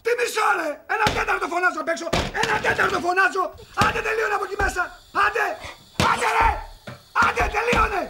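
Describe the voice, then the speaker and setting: An actor playing a furious middle-aged father who shouts, curses and bangs on a door at his son in a film. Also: very high voice, gravelly, hardly any pauses, heavy background noise. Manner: yelling, cursing, pounding on a door. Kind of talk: shouted film drama acting.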